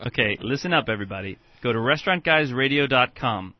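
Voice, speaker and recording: A man's voice: mid-range voice, expressive, fast talker, dry recording. A man with an American accent hosting a casual radio interview. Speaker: radio show host. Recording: dull lo-fi radio sound.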